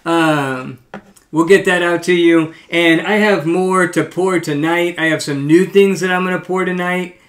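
A man's voice: high-pitched, steady tone, a little slow, fairly bright tone. A man hosting a casual live stream, talking hesitantly with lots of ums and restarts as he runs a sale. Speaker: live stream host selling coins.

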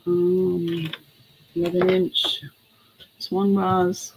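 A woman's voice: on the low side, level tone, background noise. A middle-aged woman hosting a casual live online sale as an informal auctioneer, chatting between bids and prices in a small room at home. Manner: unhurried, with pauses. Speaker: online auction host selling vintage glass.

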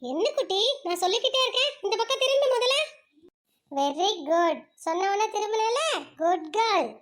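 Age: adult figure. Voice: high, soft. Style: a woman playing a coaxing schoolteacher in a cartoon puppet show. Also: expressive, normal speed. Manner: soft coaxing, then firm scolding. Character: patient scolding female schoolteacher. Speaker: teacher.

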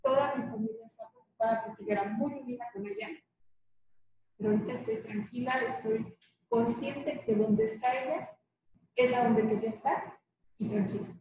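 Earnest woman in a booming room. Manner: earnest, halting, many pauses to find words. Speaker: workshop participant. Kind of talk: personal testimony. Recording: very echoey room, far mic, background noise.

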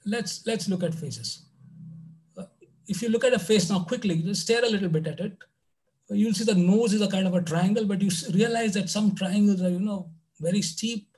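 A man's voice: sits high, moderate pace, a little mellow, rough recording. A man giving a conversational online math lecture, full of "you know" asides. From India.

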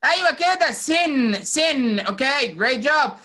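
Egyptian woman teacher on a video call, bright and encouraging, mixes English into her Arabic. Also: sits high, lively intonation, measured pace. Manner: coaxing and praising, mixing in English words. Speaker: phonics teacher for children. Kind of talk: online class drilling children.

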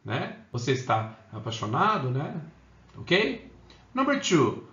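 A man's voice: a little high, wildly swooping pitch, slow, pushed and bright. A man with a Brazilian Portuguese accent teaching an English class, casual and chatty, keeps checking in with his students. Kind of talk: casual online lesson. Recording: roomy, dull lo-fi sound.

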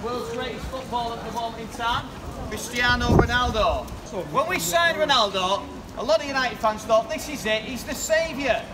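A man's voice: very high voice, normal speed. A man, preaching in the open air and chatting directly with passers-by, asking them questions. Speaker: street preacher. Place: rainy town-centre pedestrian street, outdoors. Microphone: far camera across the street. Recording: distant street recording with loud outdoor noise.

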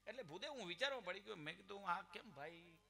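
High, bright-voiced Gujarati comedian. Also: male voice, animated, fast, creaky. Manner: storytelling with quoted dialogue, addresses audience directly. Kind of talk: live stand-up joke telling.

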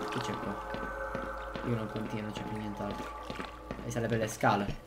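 A man, giving excitable gameplay commentary and often repeating his exclamations. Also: lowish voice, normal speed, over loud music. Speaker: gaming youtuber. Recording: loud background noise.

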